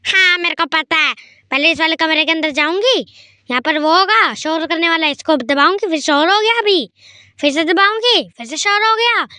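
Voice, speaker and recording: Excitable high-voiced woman playing a game. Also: moderate pace, no room sound. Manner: chatty, excitable, talks to herself while playing. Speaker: gameplay commentator. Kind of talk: playful gameplay commentary in character.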